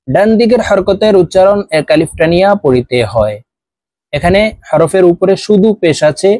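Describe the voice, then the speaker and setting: A Bangladeshi man teaching Quran letter reading, chanting syllables slowly and drawn out between quick explanations, with learners repeating after him. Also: on the high side, darkish tone, no echo. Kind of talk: recitation lesson with repeat-after-me drills.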